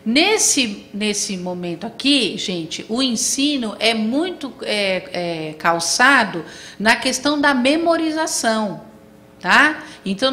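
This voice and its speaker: A woman lecturing to a class with a bright, forward voice pitched a little high. She builds her explanation step by step, pausing to ask her listeners whether they follow. Her delivery is steady and instructive. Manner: explains step by step, checks in with the audience often.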